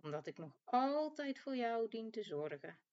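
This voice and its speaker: A woman voicing a patient, caring mother sheep in a storybook tale, speaking calmly and reassuringly. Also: fairly high pitch, a little slow, dull audio, voice pushed up. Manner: calm and reassuring.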